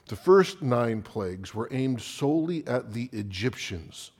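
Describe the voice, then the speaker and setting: A man preaching an evening sermon, swinging from loud emphatic declarations to hushed, low phrases. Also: creaky.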